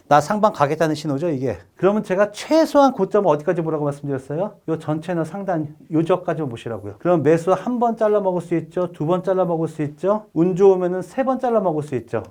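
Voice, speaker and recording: A man teaching a trading lesson over charts in a brisk, coaching way, often asking the viewers questions. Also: high voice, a little mellow. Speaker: trading instructor. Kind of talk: screen-recorded chart lesson.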